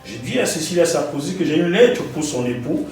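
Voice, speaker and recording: A man's voice: a little high, brisk, distant mic, soft background music. Gabonese man telling his story, echoey room. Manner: animated, repeats words while recalling. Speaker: interview guest. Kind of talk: storytelling in an interview.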